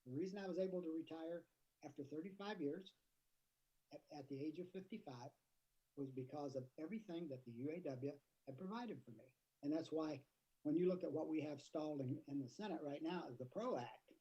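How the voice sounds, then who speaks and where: A man's voice: a little high, normal speed, warm tone, dull audio. A man in his fifties, a retired auto worker, speaking earnestly and plainly in a video testimony.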